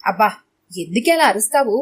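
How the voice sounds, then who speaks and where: A woman's voice: medium pitch, big pitch swings, fairly quick, breathy edge. A woman doing a fussing loving mother. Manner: fond, anxious. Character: caring middle-aged mother, fussing.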